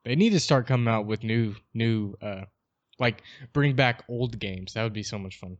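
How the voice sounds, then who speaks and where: A man's voice: lowish voice, moderate pace, no room sound, highs cut off. A young man co-hosting a podcast in casual chat, laid-back with dry teasing. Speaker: podcast co-host.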